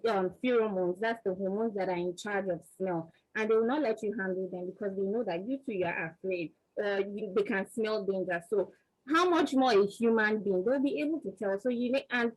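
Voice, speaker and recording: A vaccine research scientist in her thirties with a Nigerian accent gives a motivational answer as a panelist on a video call. She speaks earnestly and emphatically at medium pitch and a little fast, repeating words as she builds each point, over a rough recording.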